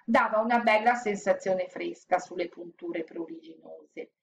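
A woman's voice: fairly low pitch, a little slow, vocal fry, slight background noise. Woman reading a children's story. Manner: calm, expressive storytelling. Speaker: audiobook narrator.

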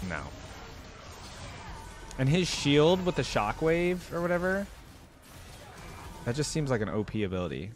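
Faint music sits behind this young adult's high-leaning voice, which swings widely in pitch and moves a little slowly with long pauses. He hosts reaction videos, musing aloud through informal gameplay commentary into a close desktop microphone with headset, with clear background noise.

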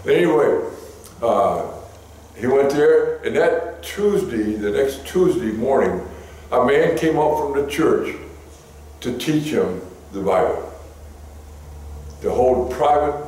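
A man pastor preaching a sermon in a folksy storytelling way, his voice climbing high when he gets stirred up. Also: animated, takes it slowly, pauses often, darkish tone, slight background noise. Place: church sanctuary. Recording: echoey church from a distance.

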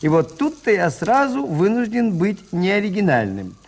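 High-voiced Father Brown, mild priest. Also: huge pitch swings, normal speed, creaky, heavily acted. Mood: reflective, mild. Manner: polite, understated. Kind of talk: early 1980s Soviet radio play acting.

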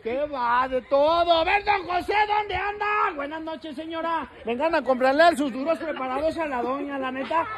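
Very high-voiced Mexican man teasing passersby. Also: moderate pace, few pauses. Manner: teasing, joking, shouting to passersby. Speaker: street prankster host. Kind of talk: street vlog banter. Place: city street at night, outdoors. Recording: busy street with crowd chatter. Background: crowd chatter.

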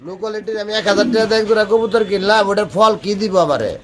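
A man's voice: high voice, rapid-fire, crowd noise. A man with a Bangladeshi accent, a farmer being interviewed, chatting casually about his trade in short answers.

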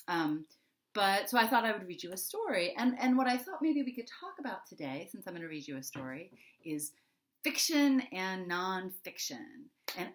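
A middle-aged American children's author explains things to young children in a simple, conversational, teaching way before reading them a story. Her pitch is fairly low and her tone fairly bright. She is indoors in her home office, picked up by a computer webcam microphone at desk distance.

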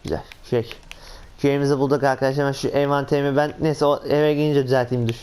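A man giving casual, excitable commentary on his own gameplay, talking to himself and exclaiming often. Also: medium pitch, very fast, clean tone. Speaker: gaming channel host.

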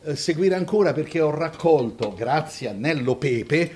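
A man narrates a short story with animated, expressive delivery. His voice sits a bit high and moves around a lot. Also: normal speed. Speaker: reader and guest storyteller. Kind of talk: reading a short story aloud on a web show.

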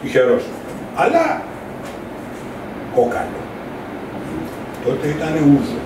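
A man casually reminiscing about recording live in a studio with his bandmates, laughing now and then. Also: mid-range voice. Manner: relaxed, laughing recollection. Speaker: musician, guest. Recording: echoey room, distant mic, noisy.

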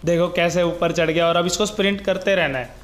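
Talking right to his audience, a young gaming YouTuber delivers a relaxed, chatty voice-over of his play, peppering it with "guys" and "bhai." He speaks quickly in a steady, high-pitched voice over soft background music.

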